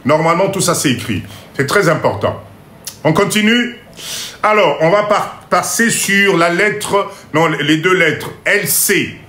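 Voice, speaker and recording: A man giving a live class on import-export, going slowly, repeating each point, checking that everyone follows, and joking about his own English. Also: high-pitched, lively intonation, bright, forceful tone, roomy sound. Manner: mixes in Lingala phrases and jokes about his English. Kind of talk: live online lesson.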